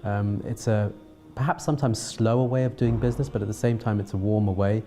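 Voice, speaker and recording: A man from south-east England with a Home Counties accent, giving an unscripted account as an interviewee in a measured, hesitant way with frequent pauses and repeats. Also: lowish voice, fairly even intonation, mellow, soft background music. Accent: Home Counties English. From south-east England, London and Surrey. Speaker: interviewee, television producer and filmmaker. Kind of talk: unscripted talking-to-camera account.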